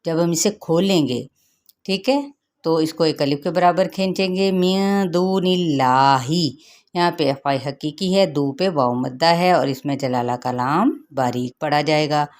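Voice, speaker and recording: A woman's voice: low voice, moderate pace, darkish tone. A middle-aged woman teaching Quran recitation rules, explaining patiently and asking her students questions as she goes.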